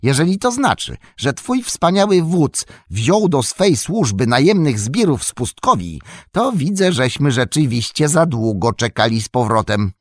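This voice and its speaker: A man's voice: mid-range voice, big pitch swings, measured pace, hardly any pauses, no room sound, studio quality, pitched above the performer's own voice. A man voicing a bold, impatient young male hobbit in an audiobook, calling out in a commanding way. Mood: defiant. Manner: commanding, loud calls.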